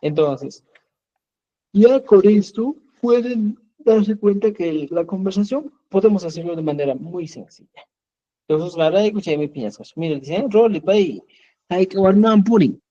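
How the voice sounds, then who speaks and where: A man's voice: high voice, lively intonation, measured pace, warm tone, dull audio. A man teaching a language lesson, patiently repeating words and often checking that his students follow.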